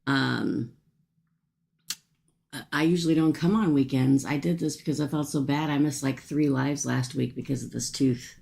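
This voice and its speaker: Low, creaky woman with swollen jaw. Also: steady tone, moderate pace, darkish tone. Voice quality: speaking with a swollen jaw and cheek after a tooth extraction. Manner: chatty, folksy, rambling, addressing viewers by name. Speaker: livestream host offering paid psychic-style readings. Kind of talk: casual livestream chat with viewers.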